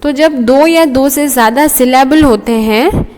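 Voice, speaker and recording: A woman's voice: high-pitched, measured pace, a little mellow, in a large hall. A woman teaching a school grammar lesson, explaining step by step in Hindi and English and often checking with "okay?".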